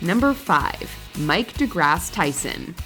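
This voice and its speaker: A woman's voice: fairly low pitch, sing-song, takes it slowly, rough recording. A woman reading scripted narration for a countdown list. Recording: music behind the voice. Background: background music.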